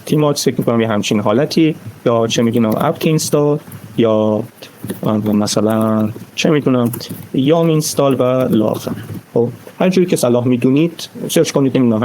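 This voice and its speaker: A man's voice: mid-range voice, mellow, a little hiss or hum, rough recording. A man giving a casual screen-recorded tutorial, chatting through each step as he types commands. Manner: chatty, explains step by step while typing. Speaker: Linux course instructor.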